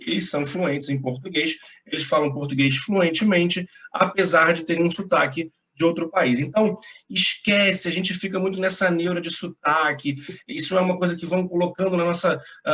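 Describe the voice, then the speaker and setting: A man's voice: fairly high pitch, fairly bright tone, slight background noise. A young man from Brazil giving a casual video lesson as an English teacher, chatty and reassuring, with slang and frequent tag questions.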